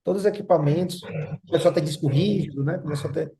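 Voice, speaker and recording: Middle aged guy from bahia, bit of a high voice, rambles, says "né" all the time. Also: fast talker, vocal fry, a crowd in the background. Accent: Bahian Portuguese, mixed with São Paulo. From Brazil, born in Rio, raised in Salvador. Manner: rambling, tags nearly every phrase with "né?". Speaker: guest telling his life story. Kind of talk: casual online group chat.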